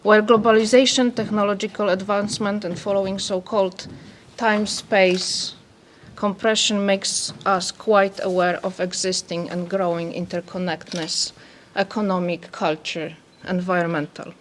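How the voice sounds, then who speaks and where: A woman with a Polish accent reads a prepared talk in a soft, careful voice. Her pitch sits mid-range, and a faint hiss of background noise stays under her voice. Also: flat delivery, moderate pace. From Poland. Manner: soft-spoken, careful reading. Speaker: anthropologist speaker.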